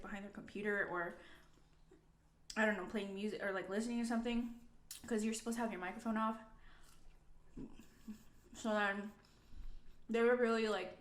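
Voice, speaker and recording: A young woman talks casually to camera like a student sharing updates with her viewers. Her delivery is informal and loosely rambling, with plenty of "like" thrown in. The room around her gives the voice a clear echo. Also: medium pitch. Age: 20s. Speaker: nursing student vlogger. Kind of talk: casual chatty vlog to camera. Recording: echoey room.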